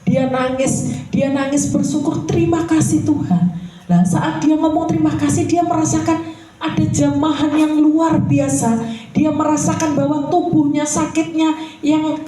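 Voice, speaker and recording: A woman preacher giving an animated, storytelling sermon at a home worship service. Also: sits high, a little slow. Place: living room of a house. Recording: very echoey room, from far off.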